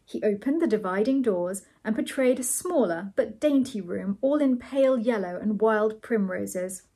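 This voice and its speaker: A woman host gently narrating a storybook aloud in a measured way. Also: medium pitch, slightly rough. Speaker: host reading a novel aloud.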